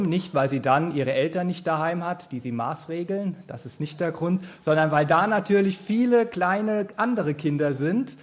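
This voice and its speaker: A man in his thirties gives a sermon, earnest and explaining. His voice sits a bit high for a man. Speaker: preacher.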